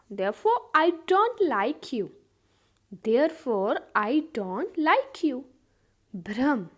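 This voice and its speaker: A woman teaches English vocabulary. Her voice is high and swings widely in pitch. She reads every example at a very slow, deliberate pace and repeats it word by word. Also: a little mellow. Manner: repeats each English sentence very slowly, word by word. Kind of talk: vocabulary lesson.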